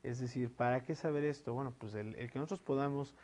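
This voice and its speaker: Un hombre con acento mexicano que da una clase grabada de gramática, explicando paso a paso con muletillas como "eh" y "este" y preguntas como "¿no?". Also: male voice, medium pitch, fast talker, a little mellow. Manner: explanatory, with frequent fillers "eh" and "este" and tag "¿no?". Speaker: teacher. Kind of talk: recorded online lesson.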